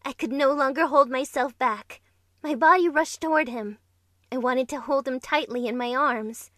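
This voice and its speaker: A woman voices the narrator and lead character of an amateur fan dub: an anxious, emotional young survivor recounting a scripted drama in first person, tense and heartfelt. She has a high, slightly bright voice at normal speed. Music runs beneath the clean, echo-free studio sound.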